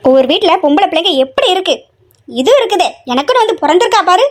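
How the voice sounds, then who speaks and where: A woman's voice: very high voice, lively intonation, fast talker. A woman playing a nagging middle-aged mother in a family comedy skit, scolding and complaining nonstop.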